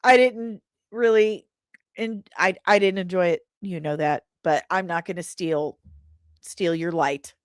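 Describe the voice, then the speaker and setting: A woman with a low-leaning voice speaks a bit slowly as she runs an entertainment news livestream, answering chat comments casually. Her manner is playful and irreverent, full of slang and pet names, captured in clean studio audio without echo.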